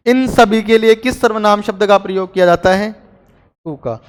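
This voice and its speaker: A man's voice: high-pitched, steady tone, fairly quick, clean tone, long reverb tail. A man teaching a grammar lesson to a class, chatty and joking with his students between explanations.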